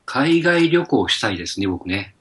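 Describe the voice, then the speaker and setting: A man's voice: medium pitch, sing-song, moderate pace, husky. A man co-hosting a casual talk show, easygoing and nudging the conversation along. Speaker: co-host. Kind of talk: casual chat.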